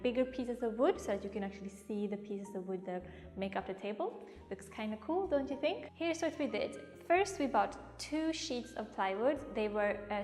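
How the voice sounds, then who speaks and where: Woman in a heavily echoing empty room. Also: medium pitch. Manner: chatty, with many "like" fillers. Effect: strong echo of an empty room. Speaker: vlogger. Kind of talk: casual home vlog chat. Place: nearly empty apartment room. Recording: echoey bare room with long reverb, faint music.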